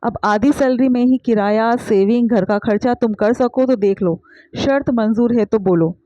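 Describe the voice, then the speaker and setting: A woman plays a level-headed young husband who lays out his terms firmly and calmly. Her voice stays mellow and dry, on a dull lo-fi recording. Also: a little high, normal speed, no echo, natural voice. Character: calm, firm young husband and devoted son.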